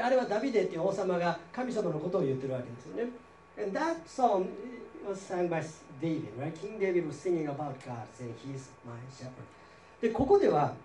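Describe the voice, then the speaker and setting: A male pastor giving a conversational sermon, often checking in with his listeners with quick questions. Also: high-pitched, sing-song, mellow, a little hiss or hum. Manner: chatty preaching with frequent tag questions. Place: church sanctuary. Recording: roomy hall picked up from a distance.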